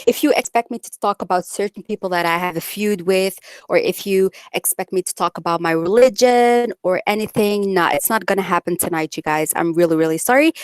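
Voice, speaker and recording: With a smooth, mid-range voice and no room sound, a young woman with a Dutch accent, from the Netherlands, talks to her live-stream viewers and reads their comments. Her manner is blunt and outspoken; she says it like it is.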